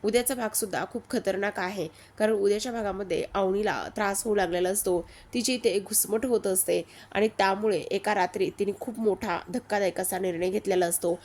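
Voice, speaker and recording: A woman retelling the day's episode of a TV serial in a steady, casual storytelling way. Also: mid-range voice, brisk, few pauses. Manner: steady retelling, reads quoted lines in her own voice.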